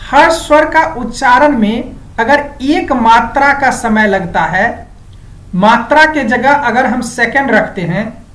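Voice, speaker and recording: Slow, deliberate woman teacher. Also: a little high, reverberant, poor audio. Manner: slow and deliberate, repeats key points as questions. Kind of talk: exam-prep grammar lesson.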